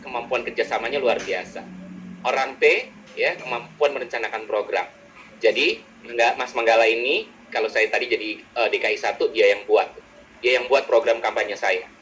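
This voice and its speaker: A male psychologist giving a lively webinar lecture over a video call, joking and acting out personality types in quick quoted voices. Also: medium pitch, a little hiss or hum, poor audio.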